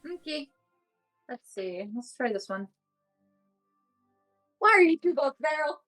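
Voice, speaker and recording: Female tabletop player, higher voice, very expressive intonation, casual, faint music behind. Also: takes it slowly. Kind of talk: casual game narration in third person.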